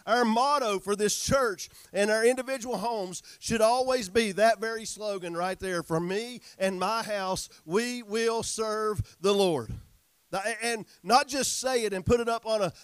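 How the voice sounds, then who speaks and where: A man's voice: sits high, clear, resonant tone, dry recording, poor audio. A man preaching a sermon as pastor, reading and paraphrasing scripture with emphatic repetition.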